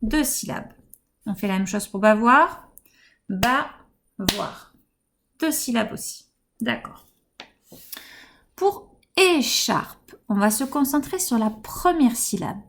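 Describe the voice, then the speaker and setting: A woman kindergarten teacher with a French accent, giving a home-school phonics lesson to young children, speaking slowly and articulating each word with gentle encouragement. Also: fairly high pitch, lively intonation, background noise.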